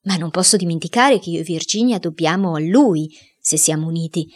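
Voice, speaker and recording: A woman's voice: lowish voice, a little fast, lightly acted. A woman reading a storybook, voicing a good-hearted lawyer who argues a boy's case eloquently. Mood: persuading. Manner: eloquent, pleading.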